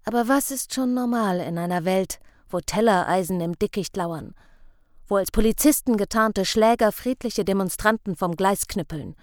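A woman reading a novel aloud in measured, expressive audiobook narration. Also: mid-range voice, no room sound, studio quality.

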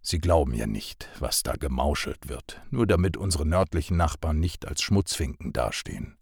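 Figure: man reading as gruff old professor, stubborn, deep grumbling voice, dry close sound. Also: animated, normal speed, darkish tone, dry recording, full character voice. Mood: confiding.

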